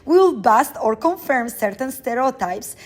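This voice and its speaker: A woman's voice: sits high, lively intonation, moderate pace. Woman reading a scripted intro. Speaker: narrator introducing the video. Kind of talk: scripted voice-over.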